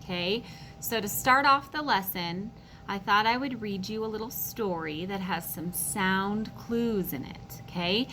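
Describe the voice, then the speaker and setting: A woman teaches young children to read, speaking slowly and carefully as she sounds out each word. Her voice is bright and clear. A faint rumble hums in the background. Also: rough recording. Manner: slow, encouraging, sounds words out for kids. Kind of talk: online phonics lesson for children.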